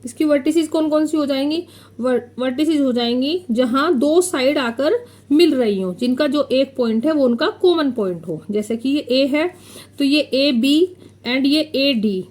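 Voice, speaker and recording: A woman with a high voice teaches a maths class and explains each idea step by step as she draws. She keeps putting questions to the class and then answers them herself. When she gets to the key terms, she slows down and repeats them. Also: darkish tone. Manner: repeats key terms slowly while drawing on a board. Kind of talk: classroom lesson explaining geometry.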